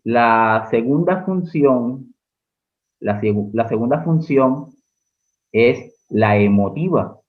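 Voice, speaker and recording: Colombian guy teaching a test prep class, talks real slow, keeps asking "right?", tinny phone-ish sound. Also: mid-range voice, lively intonation. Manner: explanatory, asks class rhetorical questions. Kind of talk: exam-prep lecture. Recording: narrow phone-like audio.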